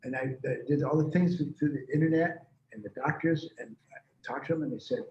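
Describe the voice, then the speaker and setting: A man's voice: fairly high pitch, fairly quick, darkish tone. A man in his seventies who talks readily and rambles, speaking casually as a healer being interviewed. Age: 70s. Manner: rambling and talkative. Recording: echoey room, dull lo-fi sound.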